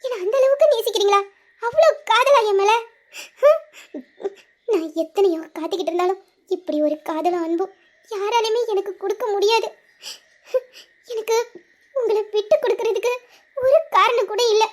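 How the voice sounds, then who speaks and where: Woman playing a soft, hesitant young woman in love, high voice, audio drama. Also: normal speed, pauses often. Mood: tender. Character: young woman recovering from fever, quiet and lovestruck.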